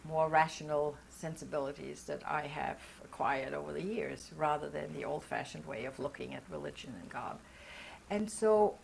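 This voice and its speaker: During an oral history interview, an older woman whose mother tongue is German speaks in a slightly low, somewhat mellow voice with vocal fry. Reflective and earnest, she pauses to search for the right words, with faint hiss under the recording.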